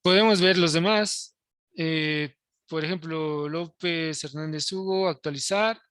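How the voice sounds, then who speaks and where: A man's voice: a little high, steady tone, unhurried, fairly bright tone, smooth, no echo, clean studio sound. A man teaching a programming class, explaining code step by step and often checking in with his students. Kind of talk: live coding lesson to students.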